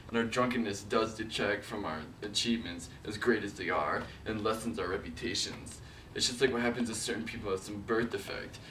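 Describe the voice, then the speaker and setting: Brooding young prince, acted by a man, lowish voice, roomy distant recording. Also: close to an everyday voice. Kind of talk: parody drama acting, modern-English Shakespeare. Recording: roomy, distant, faint noise.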